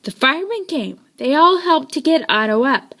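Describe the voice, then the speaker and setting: A woman reading a children's storybook aloud in an expressive, dramatic way. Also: high voice, moderate pace. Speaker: storybook reader.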